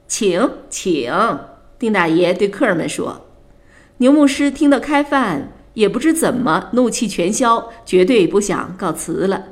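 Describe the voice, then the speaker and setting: A woman reading a novel aloud on the radio in measured, expressive narration. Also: mid-range voice.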